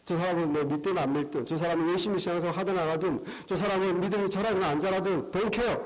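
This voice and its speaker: High-voiced man preaching a lively sermon. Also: fast, poor audio. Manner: animated, acts out dialogue. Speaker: pastor. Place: church sanctuary.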